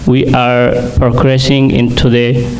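A young man with a Somali accent speaks at a podium microphone in a banquet hall, his voice flat and even with little melody. He pauses and restarts often, filling gaps with "uh" as he works through a prepared speech. A faint murmur of the room sits behind him. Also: medium pitch, slight background noise. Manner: halting, many restarts and fillers. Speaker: award guest speaker.

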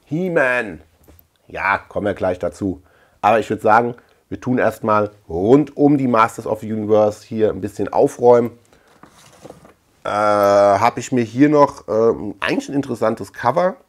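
In a small indoor room lined with shelves, a thirtysomething man hosts his collector vlog, chatting casually and drifting from topic to topic as he thinks aloud. He speaks at a moderate pace with a fairly low pitch.

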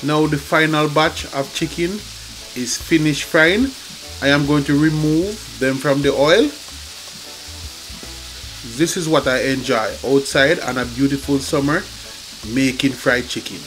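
A man's voice: a little high, unhurried, fairly bright tone. A man cooking outside over a wood fire, talking straight to his viewers in an upbeat way. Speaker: cook showing a recipe. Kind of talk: outdoor cooking vlog. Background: oil sizzling, faint music.

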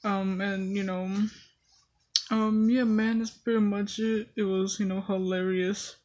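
Young woman, casual storytime vlogger, slow pace, halting, meandering, medium pitch. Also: flat delivery, darkish tone. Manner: halting, meandering, with frequent throat clearing and pauses. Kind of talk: casual story time to camera. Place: small indoor room at home.

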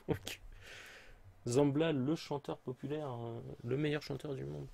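A man's voice: mid-range voice, fairly even intonation, moderate pace, vocal fry, mellow, breathy edge. A man giving casual let's play commentary with sarcastic, joking asides. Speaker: gamer commentator.

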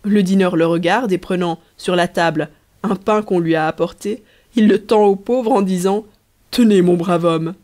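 A woman reading a novel aloud as an audiobook narrator, in a measured storytelling manner. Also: mid-range voice. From Belgium. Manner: measured storytelling, lively dialogue. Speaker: audiobook reader. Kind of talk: scripted narration.

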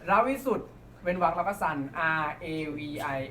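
Polite, halting male guest. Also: sits high, over a noisy crowd. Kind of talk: casual live-stream chat.

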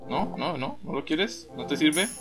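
A young man hosting a gameplay video, reacting with excited groans and exclamations while reading game text aloud in casual commentary. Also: fairly high pitch, unhurried, loud music behind the voice. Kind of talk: casual let's-play commentary.

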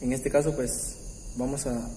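A man hosting a keyboard tutorial, explaining step by step in a patient, halting way with many pauses and restarts. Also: medium pitch, level tone, slight background noise. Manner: warm, patient, uses religious greeting. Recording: roomy, echoey room with long reverb. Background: faint keyboard music.

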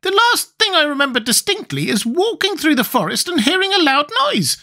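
Squeaky huge storybook beast, very high, swooping, gloomy, aloof, formal. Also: sing-song, fairly quick, sharp tone, heavily acted. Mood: bewildered.

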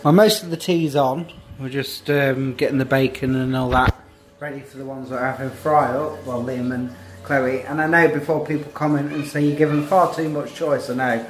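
A man's voice: medium pitch, fairly even intonation, moderate pace, poor audio. Casual man in his thirties, home vlog, phone at arm's length in a small kitchen, faint noise behind. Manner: chatty, rambling, addresses viewers as guys. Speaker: vlogger. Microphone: phone held at arm's length.

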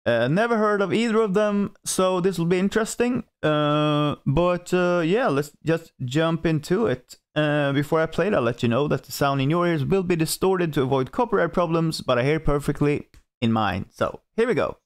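Music reaction host, male, Swedish accent, clear tone, casual and candid. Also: a little high, animated. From Sweden. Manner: frank, unhurried opinions.

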